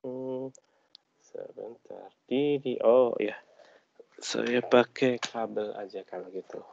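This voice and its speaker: A man's voice: mid-range voice, slow, vocal fry, darkish tone. Man lecturing over choppy, breaking-up call audio. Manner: patient, asks class questions. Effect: choppy, breaking-up online call audio. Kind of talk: online class lecture. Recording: muffled lo-fi online call audio.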